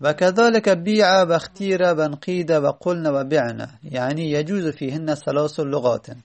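Man, gravelly voice, slightly high, slow explanatory lesson, many pauses. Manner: reads an Arabic text aloud, then explains it slowly with many pauses and fillers. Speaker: Arabic grammar teacher. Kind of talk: classroom lesson explaining Arabic morphology.

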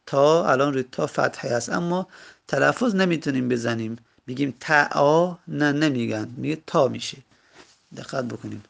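A man teaching a grammar lesson, going slowly and repeating each example word. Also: on the high side, gravelly, a bit bright. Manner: slow, repetitive, drawing out example words. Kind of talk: Arabic grammar lesson in Persian.

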